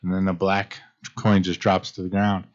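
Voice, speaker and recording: A man narrating as game master in a relaxed, casual way, full of fillers. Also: low voice, moderate pace. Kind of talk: narrating a tabletop game on a live stream. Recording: muffled lo-fi stream audio.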